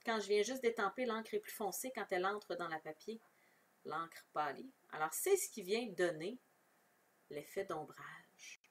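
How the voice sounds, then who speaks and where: A woman's voice: mid-range voice, lively intonation, a little slow. A woman with a Québécois French accent leads a casual, chatty craft tutorial, explaining each step and answering viewers. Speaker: crafting demonstrator. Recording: voice somewhat far from the mic.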